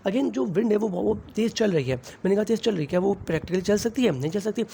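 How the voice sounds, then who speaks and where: A man's voice: high-pitched, expressive, fast talker, creaky, warm tone, slight background noise. A young man with a Pakistani Urdu accent explaining a lesson to students, mixing in English terms and saying "theek hai" often. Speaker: teacher. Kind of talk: classroom explanation.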